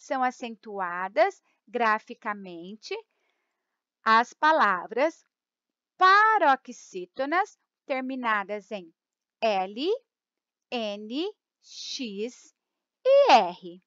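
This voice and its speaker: A woman teacher with a Brazilian accent giving a grammar lesson, explaining slowly, repeating the rules, stretching key words and often checking in with her students. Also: on the high side, sing-song, fairly bright tone, no echo, dull audio. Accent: Brazilian Portuguese. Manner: keeps checking in with "tá?" and "ó". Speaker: Portuguese teacher.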